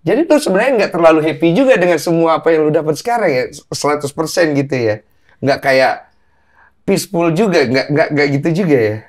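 A man's voice: fairly high pitch, animated, a little fast. Teasing slangy male podcast host. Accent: Jakarta Indonesian. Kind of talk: casual interview chat.

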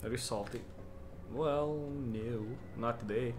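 A man's voice: mid-range voice, slow pace, background noise. A man casually chatting and joking in a rambling way while livestreaming a video game. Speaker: game streamer. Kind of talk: casual livestream chat over gameplay. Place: indoor room at home. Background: game music.

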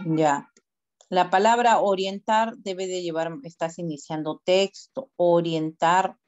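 Her voice is fairly low and darkish, steady and slow: a woman teacher giving direct, corrective feedback on student work over a video call, complete with step-by-step instructions. The online class audio is dull and lo-fi.

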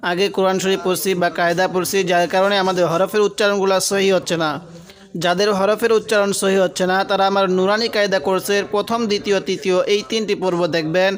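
A man teaching Quran reading, spelling each letter out and then reciting the drawn-out syllables, explaining the rules patiently and asking the viewer questions. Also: high voice, fairly bright tone.

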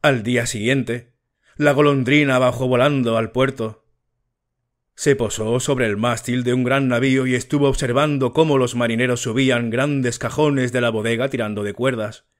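Slow, measured male storyteller. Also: medium pitch, fairly even intonation. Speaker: audiobook narrator. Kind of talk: scripted fairy tale narration.

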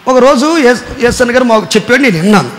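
A male pastor preaching a sermon emphatically, firing repeated rhetorical questions and shouting key lines. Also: extremely high pitch, lively intonation, quick pace.

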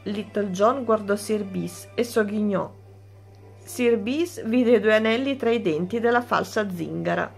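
A woman teacher reading a children's story aloud, slow and clear. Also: mid-range voice, faint music behind.

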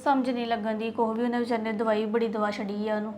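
A woman plays a worried young woman in a family drama. Her voice is high but very flat, talking on in a troubled, explaining way. Light room noise sits behind. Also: quick pace, lightly acted. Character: worried young woman fretting about a sick relative.

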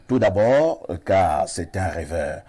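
Male tv host, low husky voice, reads viewer messages in a measured way, lapel mic. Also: lively intonation, dark tone. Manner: measured reading with frequent hesitations. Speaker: talk show host. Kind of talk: reading viewer messages on air. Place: TV studio.

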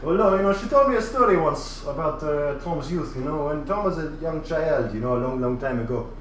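With a fairly high, a bit bright voice, lively intonation, and a brisk pace, a man streams live from a kitchen. He plays a cocky, vulgar French chef with a fake French accent, rambling and saying "you know" over and over. The distant mic sounds roomy, with faint ambience and slight background noise.

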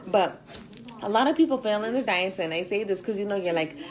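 A woman in her twenties, a fitness instructor, talking in a chatty, loud, slangy way in a casual vlog. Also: medium pitch, animated, brisk, rough recording.

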